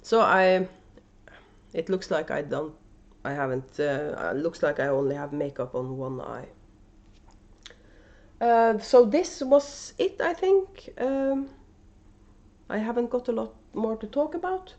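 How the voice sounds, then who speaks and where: A Norwegian woman who dyes yarn and hosts a knitting podcast chats hesitantly in a casual, unedited video podcast, with many fillers and restarts. Her mid-range voice has lively intonation, a slow pace and a darkish tone, and the sound is muffled. She records indoors at home on a camera microphone.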